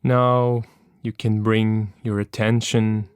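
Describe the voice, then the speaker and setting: A man guides listeners through meditation at a very slow pace, his smooth, clear voice pitched in the middle range. Calm and gentle, he leaves long pauses between instructions, and the close, dry sound has no echo.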